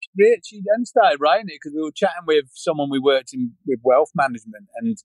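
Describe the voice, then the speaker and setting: A man's voice: fairly high pitch, animated, a little fast, a little mellow, no echo, poor audio. Chatty British man in his forties. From United Kingdom. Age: 40s. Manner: rambling, many restarts, frequent "yeah" and "you know". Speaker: podcast guest. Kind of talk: casual interview chat.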